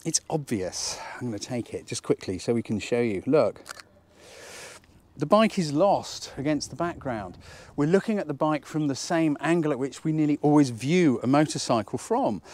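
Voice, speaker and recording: A British man in his fifties with a squeaky voice from a cold, chatting casually and jokily as he teaches outdoors, often asking rhetorical questions. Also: lively intonation, normal speed, darkish tone. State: has a cold. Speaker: photography instructor and presenter. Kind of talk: casual instructional talk to camera. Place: outdoors at a waterside harbour slipway.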